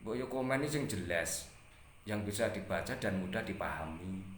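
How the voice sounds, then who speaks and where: A man with a Javanese accent talking casually to viewers, lecturing and climbing higher in pitch when he scolds. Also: lively intonation, normal speed, roomy sound, a little hiss or hum. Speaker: live-stream host answering viewer comments. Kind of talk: casual talk mixing Indonesian and Javanese.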